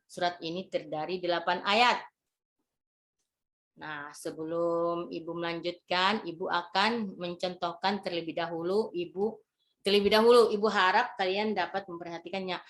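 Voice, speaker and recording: A woman's voice: on the low side, a bit bright. A woman teacher, leading a classroom lesson in a motherly, repetitive instructing manner. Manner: motherly instructing, repeats words and phrases. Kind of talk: classroom lesson on Quran reading.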